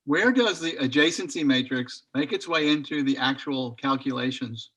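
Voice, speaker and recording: A man's voice: medium pitch, normal speed, fairly bright tone, breathy edge. A man chatting casually in an online study group over a video call, rambling a little and thinking aloud as he goes.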